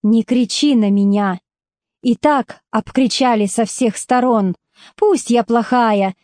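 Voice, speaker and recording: A woman narrating voices a distraught middle-aged sister who is close to sobbing and pleads urgently. The voice is a touch high but mellow in tone. The sound is dry and close, as in a quiet studio. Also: a little slow, dry recording. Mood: desperate. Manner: tearful, pleading, rising to outbursts. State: crying.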